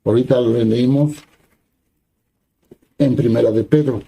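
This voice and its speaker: A man's voice: medium pitch, steady tone, a little slow, gravelly, warm tone, husky, low-quality recording. A man preaching a sermon who reads scripture aloud and then explains it in plain conversational words, often asking the listeners brief questions.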